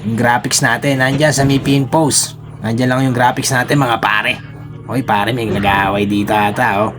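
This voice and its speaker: A man with a Filipino accent giving casual, playful commentary while streaming a mobile shooter game, teasing opponents and jumping higher in firefights. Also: fairly even intonation, moderate pace, over music. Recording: gunfire sound effects behind.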